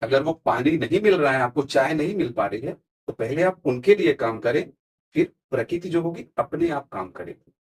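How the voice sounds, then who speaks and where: A man talking in a podcast interview as a motivational speaker, his voice sitting high and leaping up and down with great liveliness. He hammers each point with emphasis and homely examples, like a seasoned stage coach. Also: normal speed. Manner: emphatic, animated, uses punchy examples.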